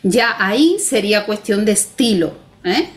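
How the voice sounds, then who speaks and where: A woman's voice: mid-range voice, animated, measured pace. Woman patiently walking someone through grammar rules, keeps checking in with little tag questions. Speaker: Spanish language expert guest. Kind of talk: explanatory conversation.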